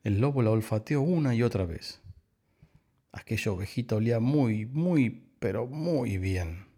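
A man reads a children's picture book aloud with a slow, gently expressive delivery. His voice has a gravelly edge, with middling pitch. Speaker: storyteller. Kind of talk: children's story read aloud.

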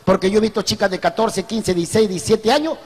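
A man's voice: high voice, fast, slightly rough, big-room sound. A man with a Peruvian accent doing a crude, slangy street stand-up routine with punchy storytelling. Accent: Peruvian Spanish. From Peru. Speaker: street comedian.

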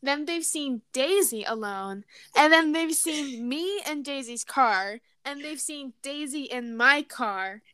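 A woman's voice: high-pitched, expressive, takes it slowly, few pauses, sharp tone, dry recording. A young woman as a podcast guest, teasing her friend in blunt casual chat.

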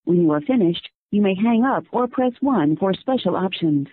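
A man's voice: high voice, lively intonation, moderate pace. Automated male voicemail prompt over a phone line. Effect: over a landline phone. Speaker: voicemail greeting.

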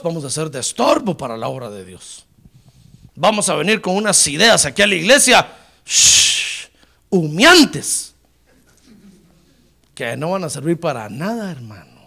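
A man preaching a sermon as pastor, surging and dropping in loudness, often calling his listeners brother. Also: creaky. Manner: preaching with sudden surges and drops in pitch and volume; repeatedly addresses listeners as brother.

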